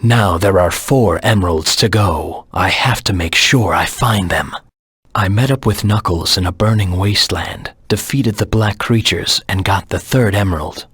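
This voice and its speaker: A man voicing a brooding antihero hedgehog in a video game, cold, grim and terse, with a low husky rasp. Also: fairly bright tone, no echo, clean studio sound, heavily acted. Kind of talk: video game character voice acting.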